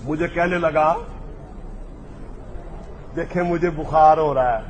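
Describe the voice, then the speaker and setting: A man's voice: on the high side, slow, dull audio. A man giving a polemical religious speech, mocking and acting out the exchanges he tells. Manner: mocking storyteller, acts out quoted exchanges. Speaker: religious speaker. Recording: echoey hall, faint background noise.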